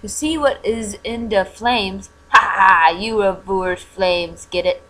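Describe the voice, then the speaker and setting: A woman's voice: mid-range voice, slow pace, sharp tone, poor audio. A woman voicing a pompous old wizard headmaster who drags out his words. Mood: mock-wise.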